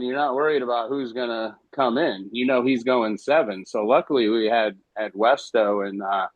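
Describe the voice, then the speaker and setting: A man, a former high school baseball coach, telling stories casually on a podcast and acting out what others said. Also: no room sound, lo-fi sound. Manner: animated, quotes others in his stories.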